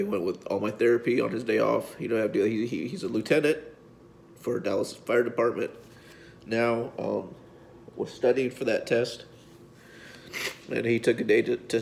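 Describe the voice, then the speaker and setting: A man, a physique coach giving a heartfelt personal video update, halting and fighting back tears. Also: on the low side, creaky, a little mellow, slight background noise. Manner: halting, repeats words, speaks from the heart. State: tearful, voice breaking at times.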